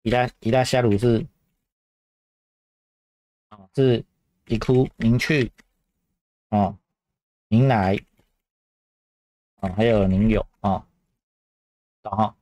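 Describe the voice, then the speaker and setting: A man walks through exam questions in a casual, chatty way, repeating each point and dotting it with filler sounds. His voice sits low, and the recording is dry and close. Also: steady tone, slow pace, long pauses, warm tone, no echo. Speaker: Japanese teacher. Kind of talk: grammar lesson explanation.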